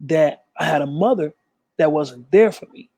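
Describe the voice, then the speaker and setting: A man, a gospel artist, telling an interviewer about his past in a quick, emphatic way and acting out the voices of people he quotes. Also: a little high, warm tone, breathy edge. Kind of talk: candid storytelling.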